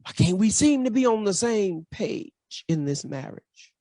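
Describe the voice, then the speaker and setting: Pastor preaching real slow, lots of repeated questions, dry close sound. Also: mid-range voice, lively intonation, dark tone, no room sound. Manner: emphatic preaching with rhetorical questions and repetition. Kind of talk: sermon. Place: church.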